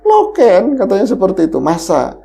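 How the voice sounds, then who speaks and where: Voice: medium pitch, wildly swooping pitch, moderate pace, vocal fry, mellow, soft background music. A podcast host animatedly retelling a horror story in casual chat, the voice leaping up at the scary moments.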